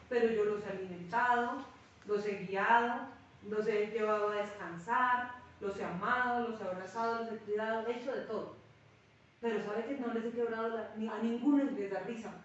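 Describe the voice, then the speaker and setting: A woman's voice: on the high side, slight background noise. A woman pastor teaching a Bible class, telling stories and acting out what people said. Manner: lively storyteller who acts out quoted speech. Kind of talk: sermon-like Bible teaching with anecdotes. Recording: very echoey room, distant mic, dull sound.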